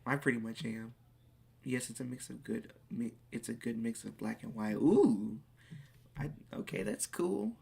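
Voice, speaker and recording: A late-teen live streamer reads out questions from the audience and responds in excitable bursts. The mid-range voice keeps a measured pace and sounds gravelly and slightly rough.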